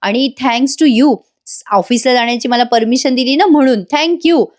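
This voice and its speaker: A woman's voice: sits high, a little slow. A woman voicing a young husband who teases his wife playfully, in a coaxing manner.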